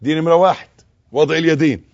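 Egyptian man teaching recitation, lo-fi sound. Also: fairly high pitch. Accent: Egyptian Arabic. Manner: corrects and demonstrates, drops to soft slow recitation. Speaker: religious teacher. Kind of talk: instructional talk on prayer and recitation.

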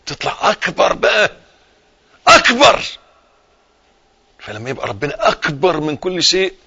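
A man with an Egyptian accent giving a live religious lesson, repeating key phrases and dropping from forceful emphasis into hushed tones. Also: on the high side, animated, quick pace, slightly rough, highs cut off. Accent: Egyptian Arabic. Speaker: religious teacher.

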